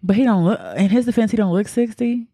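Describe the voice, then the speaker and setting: A woman's voice: a little high, fast, mellow, breathy edge, no echo, clean studio sound. A woman co-hosting a podcast in casual chat, talking loosely with slang and laughing often. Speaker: podcast co-host.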